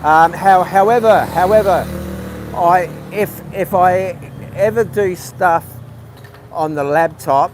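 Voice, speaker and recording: With background noise around him, a high-pitched New Zealand man chats on a phone livestream outdoors at a night market. The vlogger's talk is rambling and halting, full of restarts.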